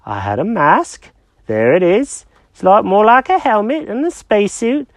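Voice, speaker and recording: A storyteller voicing an anxious, excitable male cat who fires off worried questions. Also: medium pitch, dry recording, pitched above the performer's own voice. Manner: fretful, asks rapid worried questions. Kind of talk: storytelling with character voices.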